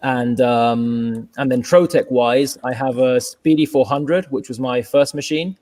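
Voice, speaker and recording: A man with a British London accent, speaking on a video call as an interview guest. He talks in an easygoing, unhurried way, stopping often on fillers. A dry, wry humor runs through his answers. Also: medium pitch. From England. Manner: relaxed, hesitant with many ums, wry humor. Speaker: guest, furniture maker.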